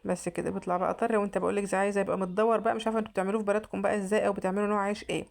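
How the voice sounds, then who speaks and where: A woman's voice: medium pitch, flat delivery, racing, creaky. A woman with an Egyptian accent, narrating her home cooking in a chatty, casual way and often restarting her sentences. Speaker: vlogger.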